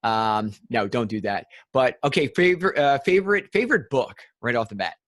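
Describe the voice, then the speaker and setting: A man's voice: mid-range voice, sing-song, moderate pace, fairly bright tone, dry recording, studio quality. A man hosting a podcast interview in an upbeat, casual way, often calling his guest "dude" and "man.". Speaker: podcast host.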